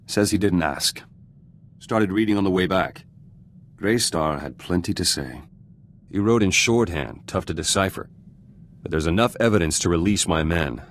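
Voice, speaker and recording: With a low-pitched, natural-sounding voice and a little hiss or hum behind him, a man delivers dramatic video game lines at a moderate pace. His character is an embittered, vengeful resistance fighter turned politician who talks in terse, guarded, clipped fragments with missing words.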